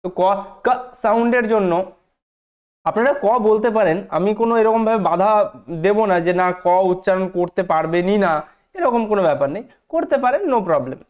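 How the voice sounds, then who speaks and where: A man's voice: sits high, lively intonation, a little fast, darkish tone. A man teaching a spelling lesson, repeating points and asking the class questions.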